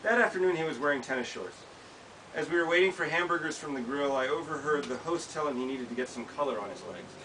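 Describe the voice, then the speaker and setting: Reading his personal essay to a small indoor bookshop audience, this American author in his thirties has a fairly high, expressive voice and talks fast. The distant camera mic, placed several feet off, leaves hissy noise in the background.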